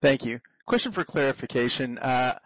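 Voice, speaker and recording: A man's voice: mid-range voice, expressive, moderate pace, a bit bright, dry recording, poor audio. A man speaking as a pilot over a cockpit headset radio. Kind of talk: aviation radio calls.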